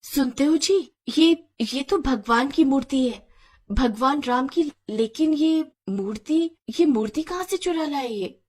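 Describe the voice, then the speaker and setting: A woman's voice: high voice, animated, normal speed, few pauses, darkish tone, husky, voice pushed up. A woman voicing a frightened, devoted village wife. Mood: anxious. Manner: anxious, stammering, pleading.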